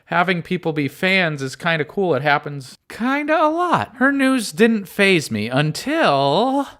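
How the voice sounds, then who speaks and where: A young man narrating an animated story-time video in a playful, exaggerated way with quick asides to the viewer. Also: sits high. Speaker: YouTube storyteller.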